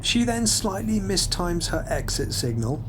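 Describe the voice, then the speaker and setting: A man's voice: high voice, big pitch swings, measured pace, noisy background. A man narrating a mock driving test as an instructor, in an explanatory, evaluative voice-over. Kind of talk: scripted voice-over commentary. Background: music under the voice.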